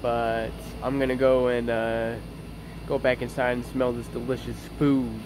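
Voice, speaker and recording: Casting note: upbeat twenty-something man vlogging on his phone, rambly and filler-heavy, with clear background noise. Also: medium pitch, little pitch movement, measured pace. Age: 20s. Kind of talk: casual vlog chat. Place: outdoors beside a house, and a kitchen. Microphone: handheld phone camera at arm's length. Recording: noisy outdoor phone recording.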